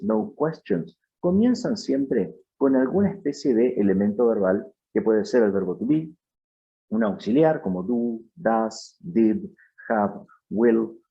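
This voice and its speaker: A man teaching a lesson in measured, explanatory scripted narration. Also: mid-range voice, animated, creaky, warm tone. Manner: measured, explanatory, reads out example sentences. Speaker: English teacher. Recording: dull, lo-fi sound.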